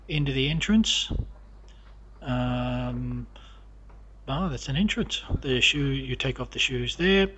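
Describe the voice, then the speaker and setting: A man walking through his home with a camera, narrating the rooms in a halting, casual way full of fillers and restarts. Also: mid-range voice, fairly bright tone, highs cut off, slight background noise. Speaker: homeowner giving a house tour. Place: inside a house, walking room to room.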